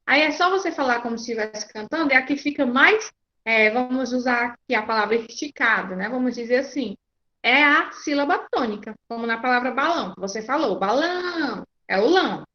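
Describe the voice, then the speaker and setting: A woman's voice: a little high, animated, brisk. A Brazilian woman teacher giving an online class, patient and checking often that her students follow. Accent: Brazilian Portuguese. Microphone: video call. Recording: muffled lo-fi video call audio.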